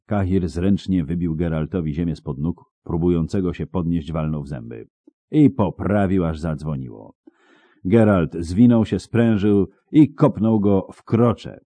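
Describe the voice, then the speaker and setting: A man's voice: deep voice, unhurried, mellow, no echo. A man narrating an audiobook in a dramatic, vivid storytelling manner, close to the mic.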